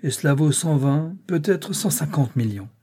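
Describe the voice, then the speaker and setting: A man reading a storybook, voicing a villain who speaks in a falsely gentle, threatening way. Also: fairly high pitch, animated, normal speed, a little hiss or hum, voice pushed up. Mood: menacing. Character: menacing, hypocritically smooth villain man.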